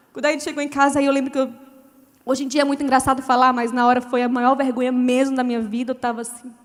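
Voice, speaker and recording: A woman preacher telling a humorous personal testimony in a sermon, acting out the dialogue she quotes. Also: high voice. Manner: storytelling, acts out quoted dialogue. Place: church event stage. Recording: church hall with long reverb.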